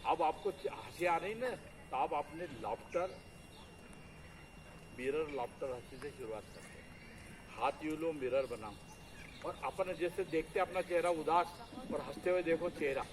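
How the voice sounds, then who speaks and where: A man's voice: fairly high pitch, moderate pace, long pauses. A man leading a laughter yoga session, energetically coaxing the group to clap and laugh, recorded outdoors. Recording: crowd and outdoor traffic noise.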